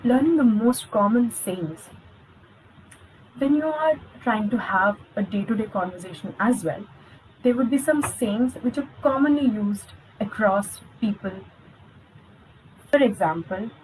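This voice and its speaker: A woman's voice: medium pitch, animated, measured pace, a little mellow, a little hiss or hum, poor audio. A young woman, giving an encouraging online lesson as a spoken coach, speaking directly to her viewers. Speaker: spoken English skills coach.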